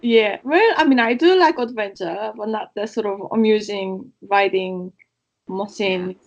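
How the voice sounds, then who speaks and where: A South Korean woman co-hosts a casual podcast, telling stories in an unhurried, mid-range voice and laughing often as she chats. The recording has a slightly dull, lo-fi sound.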